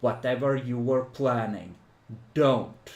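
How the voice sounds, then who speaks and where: Stern vampire prince, voiced by a man, tabletop role-play, formal cryptic commands, mid pitch, echoey room. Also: slow, lightly acted. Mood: stern, urgent.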